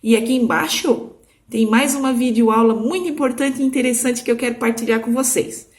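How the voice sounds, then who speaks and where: A woman teacher gives a video lesson to young children. She talks slowly and in a sing-song way, stretches key words, and keeps checking in with "certo?" and "né?". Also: a little high, fairly even intonation. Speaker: primary school teacher.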